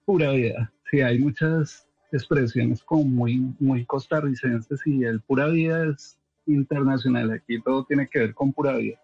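A man from Bogotá, Colombia, with a Bogotá accent, calling in by phone and explaining things in a relaxed way. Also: medium pitch, normal speed, creaky, slightly rough, no echo. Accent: Bogotá Spanish. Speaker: caller, marine biologist. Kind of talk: phone-in conversation. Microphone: telephone. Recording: muffled lo-fi phone line.

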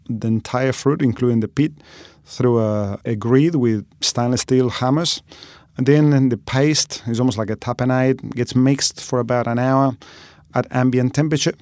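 A man's voice: medium pitch, moderate pace, darkish tone, dry recording, studio quality. A middle-aged man from Argentina, giving thoughtful, explanatory interview answers with frequent fillers. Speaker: olive oil expert guest.

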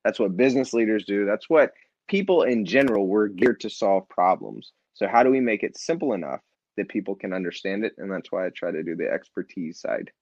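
An animated man with a low, darkish voice talks fairly quickly as an interview guest, the founder and CEO of a nonprofit, delivering motivational leadership ideas with emphatic repetition. There's no echo, but the audio is slightly dull and lo-fi.

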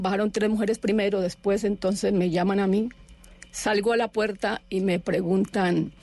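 Seated slightly too far from the mic, a middle-aged woman from Colombia sounds distant as she shares her own story in an interview. Her medium-pitched voice is a little mellow, and her speech is halting, with frequent fillers and restarts.

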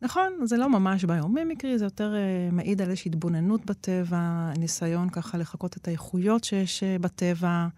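A woman's voice: on the low side, hardly any pauses, dark tone, no room sound. Woman explaining, dry close sound. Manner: explains at length, frequent hesitation fillers. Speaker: guest expert on nature-inspired innovation. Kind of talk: explanatory interview talk.

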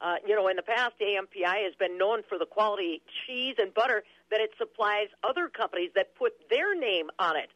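A woman's voice: mid-range voice, animated, brisk, few pauses, fairly bright tone, no room sound, dull audio. An American woman giving a chatty broadcast report as a farm radio reporter.

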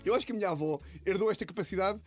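A young man with a European Portuguese accent, hosting a radio comedy slot and telling an animated comic story. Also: sits high, soft background music. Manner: rapid, animated storytelling with lots of acted quotes. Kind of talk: comic monologue. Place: radio studio.

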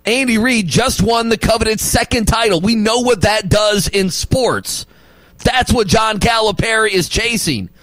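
A male sports radio host arguing basketball opinions and rattling off stats, with emphatic loud bursts. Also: high-pitched, a little slow, dry recording, rough recording.

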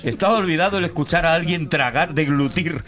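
A man's voice: on the high side, a little fast, fairly bright tone, faint music behind. A man hosting a comedic radio show, teasing the others with ironic, mock-grand remarks. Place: radio studio.

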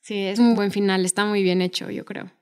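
A woman's voice: mid-range voice, steady tone, brisk, a little mellow, clean tone. A woman co-hosting a podcast, chatting casually and retelling film scenes with many fillers. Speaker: podcast co-host.

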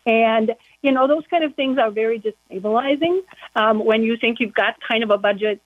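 A woman's voice: on the high side, moderate pace, slight background noise. A woman on a county board, calling in to a casual interview and talking chattily with lots of "you know" fillers. Her voice comes through a muffled phone line, as if heard through a wall.

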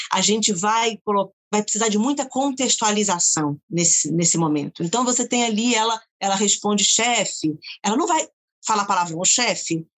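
A woman TV reporter with a Brazilian accent, explaining her editing choices in a measured way. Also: mid-range voice, fairly bright tone. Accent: Brazilian Portuguese.

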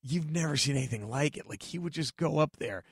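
A man, a stand-up comedian, chatting casually and telling profane, animated stories as a podcast guest, acting out other people's lines. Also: fairly high pitch, a little fast, breathy edge, dry recording, clean studio sound.

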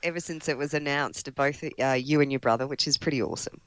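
A woman's voice: a bass voice, quick pace, a bit bright, no room sound. A woman with an Australian accent, chatting in a matey, casual way as a breakfast radio co-host. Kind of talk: casual radio interview chat.

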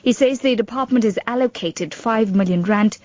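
A woman's voice: fairly high pitch, moderate pace, darkish tone, no room sound, dull audio. A South African woman presenting a scripted radio news bulletin. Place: radio studio.

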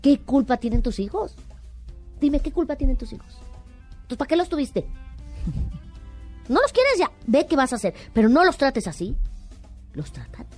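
A woman's voice: high-pitched, normal speed, pauses often, soft background music. A Mexican woman, a guest author, giving emphatic parenting advice with lots of rhetorical questions. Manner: animated, preachy, rhetorical questions.

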